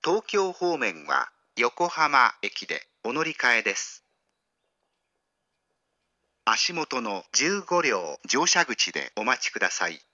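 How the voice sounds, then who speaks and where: A man giving a formal train station platform announcement in a slow, measured announcer delivery. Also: mid-range voice, very animated, bright, forceful tone, dry recording, lo-fi sound. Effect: recorded train station platform announcement.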